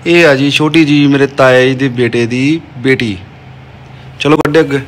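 A man's voice: mid-range voice, steady tone, normal speed. A young man, casually teasing his wife and nephew while showing their wedding album in a home vlog. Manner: teasing, playful banter. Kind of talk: casual family vlog chat.

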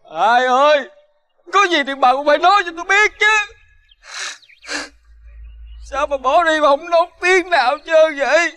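A man's voice: extremely high pitch, fairly quick, sharp tone. Man acting a wailing, tearful old man. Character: distraught older man, tearful and pleading. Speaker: old man searching for a woman. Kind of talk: comedy drama acting.

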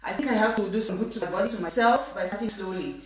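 A woman's voice: mid-range voice, fast talker, a little hiss or hum. A young woman hosting a casual live fitness chat in a hesitant, informal, giggly way. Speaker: live video host. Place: indoors, tiled room at home. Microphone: phone a few steps away. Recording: very echoey bare room.

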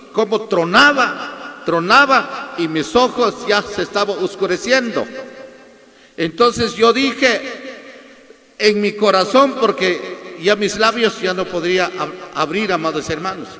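A man's voice: high voice, slow pace, pushed and bright. A man, a pastor, preaching a testimonial sermon with fervor, repeatedly addressing the congregation and calling out questions to them. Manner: fervent, repeats "amados hermanos" often. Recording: long reverb of a hall.

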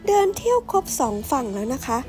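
Travel vlogger, woman, bright high voice with bouncy intonation, polite and chatty, faint music underneath. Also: very animated, quick pace. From Ratchaburi, Thailand. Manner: polite, friendly, often addresses viewers directly. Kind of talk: travel vlog narration to viewers.

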